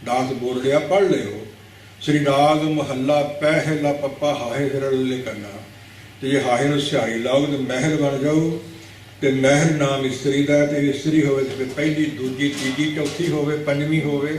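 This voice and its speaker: A Sikh preacher gives katha in a big prayer hall, explaining scripture in an instructive, corrective way, repeating words to fix pronunciation and posing rhetorical questions to the audience. His mid-range voice is steady, darkish and moderately paced. The mic sits far off, so the hall echoes heavily, with a little hiss or hum.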